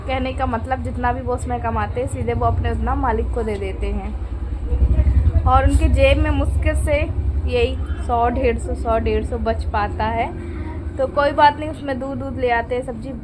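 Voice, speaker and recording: Chatty high-voiced woman vlogging at home. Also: steady tone, normal speed. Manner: chatty and confiding, repeats herself, coos sing-song at a baby. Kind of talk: casual home vlog chat. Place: at home indoors. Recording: noisy home phone recording.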